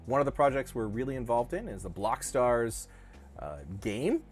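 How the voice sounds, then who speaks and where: A middle-aged man co-hosts a casual crypto dev livestream, rambling, joking, and correcting himself as he restarts his sentences. His mid-range voice is animated and moves at a moderate pace, with slight background noise behind him.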